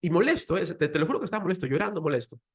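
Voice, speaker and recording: A man's voice: a little high, expressive, racing, husky. A man with a Mexican Spanish accent giving an emotional, earnest faith talk, telling a personal story. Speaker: faith speaker.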